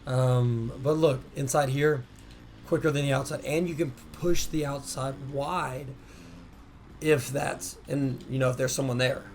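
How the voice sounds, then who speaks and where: A hoarse man hosting a gaming channel, talking casually over gameplay as he explains racing tips. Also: mid-range voice, fairly even intonation, unhurried, a little mellow, a little hiss or hum. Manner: laid-back, peppers talk with "man". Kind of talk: casual game tutorial voice-over.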